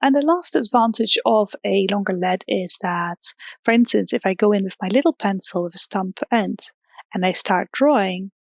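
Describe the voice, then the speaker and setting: Here a young woman from the Netherlands, an art teacher, demonstrates the basics of drawing step by step, sprinkling in fillers. Her voice is medium-pitched and creaky at a normal speed, recorded dry in a hairdresser's salon that acts as a temporary studio.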